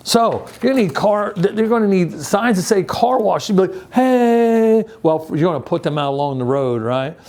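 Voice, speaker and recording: An American man giving an informal youth group talk as an upbeat, folksy youth pastor, in a halting, stammering way that repeats words. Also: high-pitched, a little mellow.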